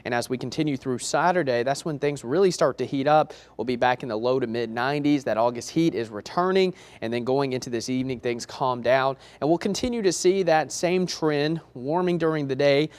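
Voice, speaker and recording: A man's voice: mid-range voice, fairly quick, hardly any pauses, darkish tone. A man delivering a TV weather report as a forecaster, in a chatty, conversational on-air manner.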